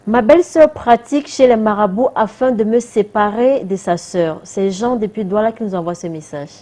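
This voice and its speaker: A woman hosting a TV show, briskly reading viewers' messages aloud and keeping the show moving. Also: medium pitch, warm tone. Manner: reads messages briskly, brief acknowledgments. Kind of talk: broadcast hosting.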